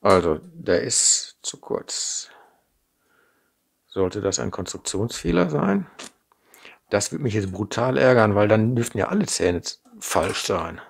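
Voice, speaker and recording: A middle-aged man from the Ruhr speaks with a broad Ruhr German accent, his voice low, gravelly and a little husky. He chats and thinks aloud at an indoor workbench, picked up by a camera mic over the table, often ending his sentences with a questioning "ne?". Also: lively intonation, unhurried. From Ruhr area, Germany. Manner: chatty, thinking aloud while working, frequent "ne?" tags. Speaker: model kit maker. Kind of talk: unscripted hands-on build demonstration. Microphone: camera mic over a tabletop, hands in frame.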